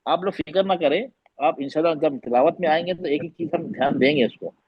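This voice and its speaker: A man's voice: a little high, fairly quick, breathy edge, lo-fi sound. A man teaching Quran recitation in an online class, patiently repeating letter sounds for students to echo.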